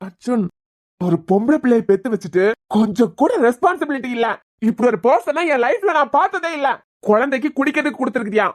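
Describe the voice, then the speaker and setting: Woman playing stern man doctor, Kanyakumari Tamil accent, cartoon, quick sharp questioning, a bit high. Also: lively intonation. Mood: indignant. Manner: sharp, interrogating, scolding. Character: stern young male doctor, righteous uncle. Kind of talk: cartoon voice acting.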